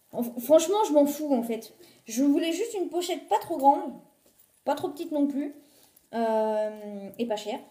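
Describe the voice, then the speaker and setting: A woman's voice: a little high, mellow, roomy sound. A woman chatting casually through a shopping haul video filmed on a phone at home, with many fillers as she lists prices. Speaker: vlogger showing a shopping haul.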